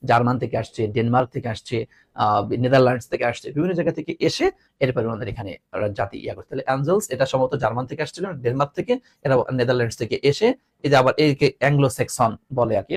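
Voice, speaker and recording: With a rapid-fire delivery and a slightly rough, mid-range voice, the Bangladeshi teacher leads a lively video lesson on English grammar. He restates every point, quizzes his students rhetorically, and teases them along the way.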